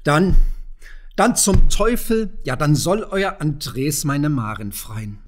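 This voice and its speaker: A man's voice: medium pitch, sing-song, takes it slowly. A man voicing a fat, proud, wealthy old farmer who talks in a blustering, mocking way.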